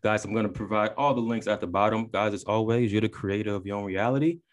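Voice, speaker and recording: A low-pitched man hosting a podcast. He talks emphatically and swears freely, speaking straight to his listeners as guys. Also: steady tone, fast. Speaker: podcast host. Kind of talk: casual interview talk.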